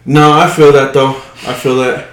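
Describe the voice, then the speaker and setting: A man's voice: mid-range voice, normal speed. A young man chats loosely with friends, posing questions and swearing without much weight. His voice sits in a plain middle range. The room carries a noticeable echo. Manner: relaxed, asks questions, swears casually. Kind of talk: casual podcast chat. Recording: echoey room.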